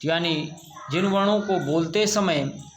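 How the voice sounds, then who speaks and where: A male teacher with a slightly high voice works slowly and patiently through a grammar lesson, posing questions and then answering them himself. The room is echoey, and a faint hiss or hum runs underneath.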